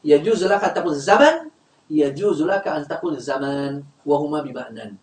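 A man's voice: a little high, expressive, fast, warm tone. Distant, echoey male grammar teacher. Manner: quizzes the class, leaves words unfinished for students to complete. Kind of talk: classroom grammar lesson. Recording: echoey room, distant mic.

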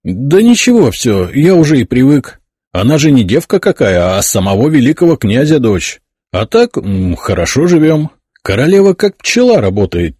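A man's voice: mid-range voice, darkish tone, husky, no room sound, studio quality, pitched above the performer's own voice. A man voicing a blunt, crude king who grumbles in a folksy way.

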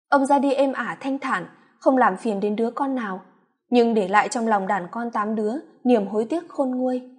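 A woman narrating a dramatic family story in a steady storytelling manner. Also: a little high, breathy edge. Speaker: audiobook narrator.

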